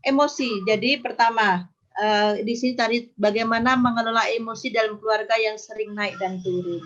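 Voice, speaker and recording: A middle-aged woman giving a gentle religious talk, often adding "gitu ya" as she explains. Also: sits high, muffled recording. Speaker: religious teacher.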